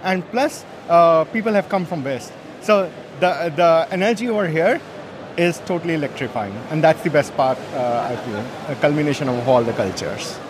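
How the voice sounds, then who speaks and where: Enthusiastic man, higher voice. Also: lively intonation, moderate pace, noisy background. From India. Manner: enthusiastic, many "uh" fillers. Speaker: company CEO. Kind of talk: vox pop interview.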